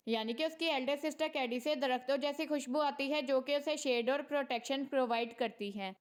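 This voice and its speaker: A woman explaining a novel in a literature lecture, reading definitions slowly. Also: high voice. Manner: explains in Hindi, then reads English definitions slowly. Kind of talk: read-aloud lecture explanation.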